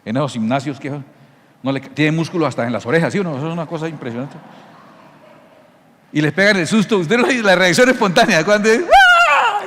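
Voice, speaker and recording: A middle-aged male pastor preaching a sermon, teaching in an animated, jokey way and often checking that listeners follow. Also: on the high side, brisk, long pauses. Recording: long hall reverb.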